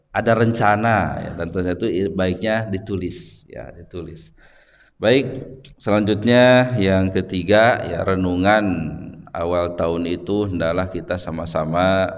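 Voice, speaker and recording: A middle-aged man with a low, deep voice gives a relaxed dawn lecture in a mosque hall. He talks conversationally, pausing often and tagging his sentences with "ya." His voice carries a long reverb from the hall. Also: vocal fry. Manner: conversational, frequent "ya" tags and pauses. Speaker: religious teacher.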